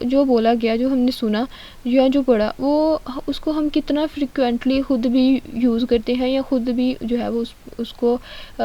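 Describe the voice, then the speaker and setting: A woman tutor giving an exam-prep lecture. She explains step by step, often checks in with the listener, and reads out definitions slowly. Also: fairly high pitch, mellow, dull audio. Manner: explains step by step with frequent "ठीक है" check-ins. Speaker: study tutor.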